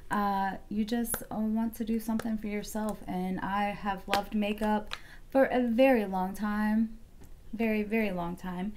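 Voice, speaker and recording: A woman's voice: medium pitch, mellow, a little hiss or hum. A woman in her thirties chatting casually through a makeup tutorial at home, rambling and thinking aloud with lots of fillers. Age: 30s. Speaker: beauty vlogger.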